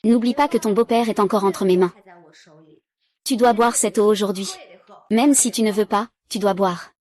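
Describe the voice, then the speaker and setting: A woman's voice: mid-range voice, normal speed, darkish tone. A woman reading dubbed drama dialogue, giving every character's lines in the same plain voice. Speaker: dub voice for a drama recap.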